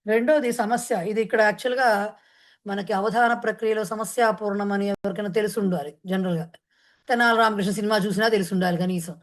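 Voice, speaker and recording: A woman Sanskrit teacher who chants a verse slowly, then explains it in quick talk mixed with English words. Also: medium pitch, steady tone. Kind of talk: online class explaining a verse in Telugu.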